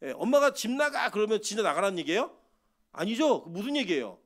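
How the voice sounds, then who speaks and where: Pastor guy preaching in church, high voice that swings all over, chatty, keeps asking the room questions. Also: very animated, fast talker, fairly bright tone. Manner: conversational, asks the congregation rhetorical questions. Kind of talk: expository sermon.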